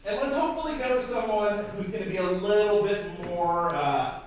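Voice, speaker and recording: A man's voice: high-pitched, moderate pace. A man working as a flea circus showman, giving theatrical, mock-grand patter with playful asides to a live audience. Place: live show space, heard from a distance. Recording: very echoey room, distant mic, faint noise.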